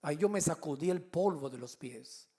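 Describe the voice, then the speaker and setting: A middle-aged male pastor preaching a sermon, telling personal stories with humor and lively delivery. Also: on the high side, moderate pace. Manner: animated storytelling with humor.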